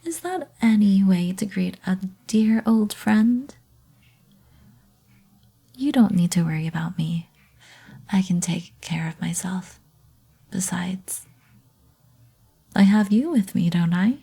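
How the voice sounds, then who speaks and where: Woman as a breathy, flirty succubus, whispered role-play. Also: medium pitch, lively intonation, slow pace, pauses often, heavily acted. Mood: fond, reassuring. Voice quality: breathy, soft. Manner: teasing, intimate, coaxing.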